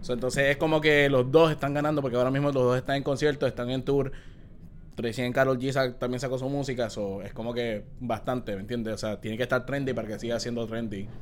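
A man's voice: medium pitch, steady tone, quick pace, a little hiss or hum. A man with a Puerto Rican accent chatting casually as a podcast host in Spanglish, dropping English words into slangy, sweary Spanish. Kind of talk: casual chat.

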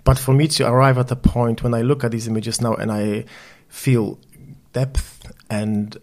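A man's voice: medium pitch, little pitch movement, measured pace. A man from Poland speaking English, answering interview questions in a thoughtful, wry, self-deprecating way. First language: Polish. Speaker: photographer guest.

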